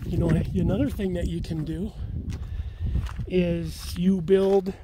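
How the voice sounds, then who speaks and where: A man's voice: sits high, flat delivery, slow. A man casually giving a walking tour of rural land, rambling and repeating words as he goes, filmed on a phone outdoors. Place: outdoors in open grassland. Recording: outdoor phone audio with wind noise.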